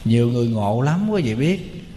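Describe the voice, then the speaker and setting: Humorous monk preaching. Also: male voice, medium pitch, moderate pace, long reverb tail, slight background noise. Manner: humorous storytelling, animated. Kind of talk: sermon.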